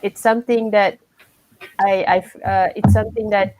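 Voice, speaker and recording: A woman's voice: mid-range voice, little pitch movement, moderate pace, warm tone, dry recording, rough recording. A woman from Malaysia who has a young child, sharing her views in a casual group discussion, with many fillers and restarts. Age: adult with a child. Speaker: workshop participant.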